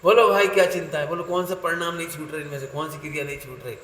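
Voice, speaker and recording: A man's voice: on the high side, fairly even intonation, quick pace, a bit bright. A man preaching a sermon, playful and laughing, quizzing listeners by name. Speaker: Jain preacher leading a workshop. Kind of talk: sermon with audience questions. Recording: echoey hall with faint noise.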